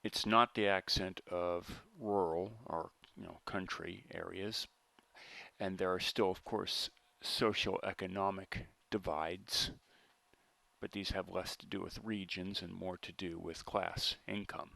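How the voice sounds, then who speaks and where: A man with a General American accent, giving a deliberate, argumentative monologue to camera with pauses and restarts. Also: low voice, steady tone, creaky, bright, forceful tone, dry recording. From United States. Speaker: vlogger.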